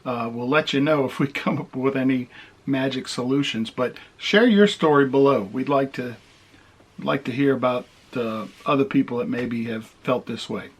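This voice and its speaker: A man's voice: medium pitch, moderate pace, husky. A man talking candidly to camera in a casual RV travel vlog, reflective and frank. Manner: candid, reflective, soft-spoken asides. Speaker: RV travel vlogger.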